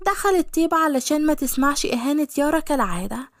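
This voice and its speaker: Egyptian woman narrating a story, high lively voice, fast, dry close mic. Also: no echo.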